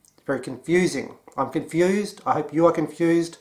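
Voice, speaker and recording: A man with an Australian accent giving a mocking, deadpan commentary. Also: fairly high pitch, normal speed. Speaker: commentary vlogger. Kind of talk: sarcastic commentary.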